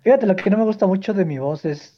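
A young man with a Mexican accent chatting casually with friends, with a flat, low-key way of talking. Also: fast talker, highs cut off. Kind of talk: casual chat among friends online.

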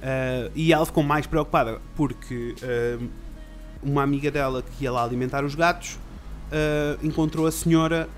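A man's voice: on the high side, fairly even intonation, normal speed, faint music behind. A man with a European Portuguese accent, telling a story in casual chat and acting out the voices of the people in it. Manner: acts out quoted voices, breaks into shouts and laughs.

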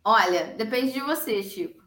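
A woman's voice: on the high side, animated, normal speed, pushed and bright. Woman guest in an echoey room. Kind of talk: casual chat.

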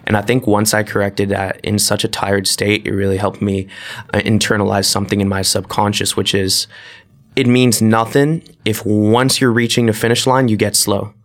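Male co-host, low-pitched, reflective and rambling conversational tone. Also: flat delivery, moderate pace. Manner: reflective, speaks in loose rambling sentences. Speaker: podcast co-host. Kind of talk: casual chat.

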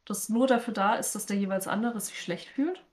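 A woman guest on a podcast, calmly explaining her points in conversation. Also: medium pitch, a little fast. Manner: calm, explanatory.

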